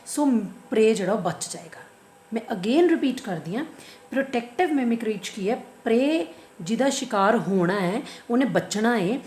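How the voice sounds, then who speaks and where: A woman's voice: on the high side, darkish tone, slight background noise. A woman with a Punjabi accent giving a biology lesson in a slightly raised voice. She poses questions and answers them herself, going back over each term. The room around her is echoey. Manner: asks and answers her own questions, repeats key terms. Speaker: biology teacher. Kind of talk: online lecture.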